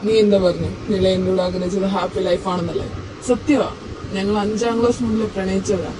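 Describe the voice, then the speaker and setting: A man playing a heartbroken young husband in a home audio drama, talking haltingly with his voice rising and breaking. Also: sits high, steady tone, natural voice. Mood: hurt. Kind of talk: amateur audio drama acting. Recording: noisy home recording.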